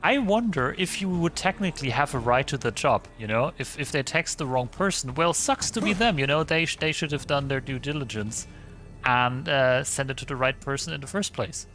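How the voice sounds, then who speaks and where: A man's voice: medium pitch, animated, moderate pace, bright, forceful tone, soft background music. A man giving casual, rambling commentary while streaming a video game, swearing casually. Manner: chatty, rambling, swears casually, many restarts.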